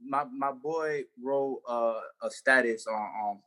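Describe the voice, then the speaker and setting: A man's voice: mid-range voice, slow pace, bright, forceful tone. A young man, a comedian, chatting casually on a podcast in loose slang with lots of fillers and restarts. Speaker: comedian guest.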